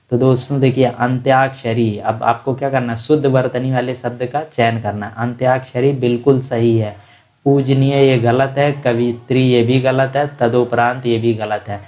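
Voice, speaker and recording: A man's voice: medium pitch, darkish tone. A man teaching an online grammar lesson for exam prep. He goes through quiz answers in an explanatory way, repeats the correct forms for emphasis and keeps addressing listeners as friends.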